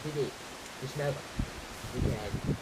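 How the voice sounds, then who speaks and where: A woman giving live reaction commentary while watching a film, narrating what happens with excited gasps and exclamations. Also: rumbling low. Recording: noisy home recording.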